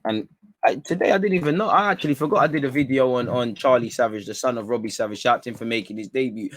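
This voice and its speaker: A young man, hosting a football talk stream in a rambling, slangy, excitable way. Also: mid-range voice, quick pace. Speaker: football channel host. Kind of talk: casual livestream chat.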